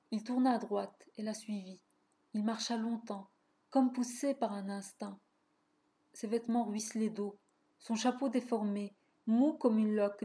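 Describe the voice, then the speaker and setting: A woman narrating a classic short story in a measured, expressive reading. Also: mid-range voice.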